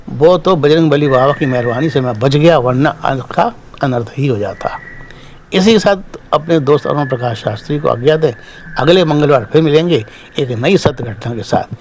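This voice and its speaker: A man telling a first-person horror story in steady, dramatic scripted narration, closing as the show's host. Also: medium pitch, slight background noise.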